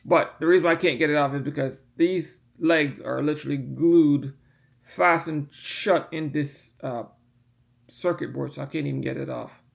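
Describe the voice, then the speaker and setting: Speaking at a normal pace with fairly even intonation, a man with a slightly high voice and vocal fry explains a printer part he's holding. He's a hobbyist doing a casual repair demo, rambling and repeating himself and stressing the key points, yawning from medication as he goes.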